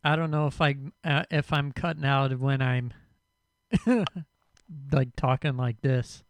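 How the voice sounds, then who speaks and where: A man hosting a casual group voice chat, laid-back and quick to laugh, talking into a compressed desk mic. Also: mid-range voice, no room sound. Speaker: show host on a voice call.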